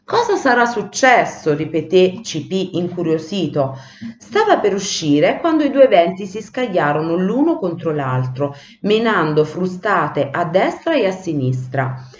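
A woman teacher reading a children's storybook aloud in an animated way, in a roomy, lo-fi recording. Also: fairly low pitch, measured pace, a little hiss or hum. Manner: animated, acts out the voices. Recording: roomy, dull lo-fi sound.

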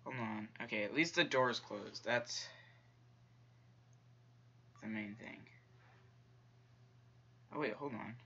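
A man's voice: mid-range voice, slow pace, pauses often, pushed and bright, highs cut off, slight background noise. A young man commenting on a horror game he is playing, jumpy and talking to the characters on screen. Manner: jumpy, talks to the game's characters, whispers when tense. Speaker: gaming YouTuber. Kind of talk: let's-play commentary.

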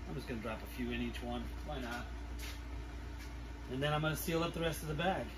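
A middle-aged man with a sick, congested throat, giving a casual hands-on demonstration in a halting mutter as he works. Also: medium pitch. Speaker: food-storage vlogger. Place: small living room, indoors. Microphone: camera a few feet away. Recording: distant camera mic, clearly noisy room.

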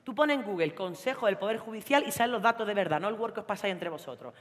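A woman's voice: mid-range voice, animated, quick pace, in a large hall, voice pushed down, lightly acted. A woman playing a brash Andalusian teen boy. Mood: cocky. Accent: Andalusian, Jaén. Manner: brash, teasing, streetwise slang. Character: cocky macho teenage boy from Jaén. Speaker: actress. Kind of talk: theatre monologue. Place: theatre stage.

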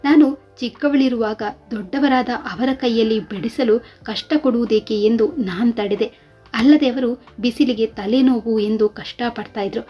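A woman's voice: a little high, measured pace, mellow, soft background music, close to an everyday voice. A woman voicing a hurt young married woman who pleads and questions, in a storybook reading.

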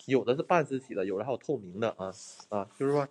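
A man's voice: medium pitch, expressive, quick pace, darkish tone. A man hosting a live stream as a ghost hunter in an abandoned building, chatting bluntly with viewers, swearing and thanking them for gifts. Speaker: livestreaming ghost hunter host.

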